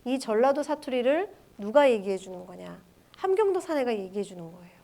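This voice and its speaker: A woman with a somewhat high voice gives a recorded university literature lecture. She reads the poem's lines aloud, then explains them and poses rhetorical questions to the students. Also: animated, a little fast, gravelly, mellow. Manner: explains poem line by line, asks rhetorical questions.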